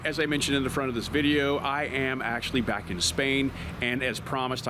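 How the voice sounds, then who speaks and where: Male DIY vlogger, middle-aged, mid-pitched, casual updates, some background noise. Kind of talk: casual build vlog talk.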